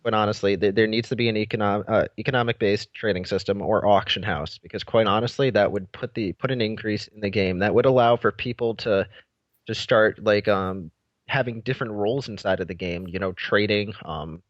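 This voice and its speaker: A young man co-hosting a gaming podcast, giving firm opinions in a casual, halting way. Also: fairly low pitch, no room sound. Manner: opinionated, many fillers and restarts. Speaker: podcast co-host. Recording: dull dry lo-fi mic.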